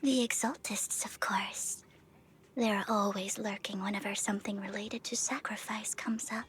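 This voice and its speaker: A woman voicing a secretive young female informant in a game, talking in a hushed whispered role-play voice. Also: normal speed, a little hiss or hum, natural voice. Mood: whispering, coy. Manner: hushed breathy whisper, with flights of high excitement. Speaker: video game character.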